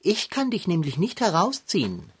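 A woman's voice: lowish voice, huge pitch swings, normal speed, husky, heavily acted. A woman voicing a fussy, dramatic male pirate tomcat in a children's audio play, talking in a pompous, indignant way.

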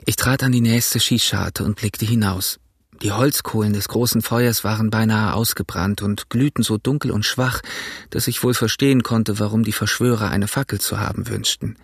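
A man narrating an audiobook in an even, measured reading. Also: medium pitch, creaky, breathy edge, no room sound, clean studio sound. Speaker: audiobook reader. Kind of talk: scripted narration.

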